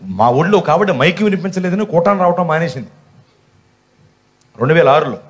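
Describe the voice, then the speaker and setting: A man preaches with a high voice. He tells anecdotes, mimics other people and fires rhetorical questions at his listeners. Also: very animated, a little fast. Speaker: pastor. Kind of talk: sermon.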